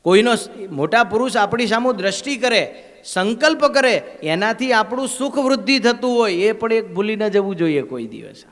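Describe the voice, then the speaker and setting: Swami preaching, high voice, reverberant hall. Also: male voice, lively intonation, normal speed, a bit bright. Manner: conversational storytelling, asks the crowd "હા?". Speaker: swami giving a temple discourse. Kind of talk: devotional sermon. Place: temple gathering.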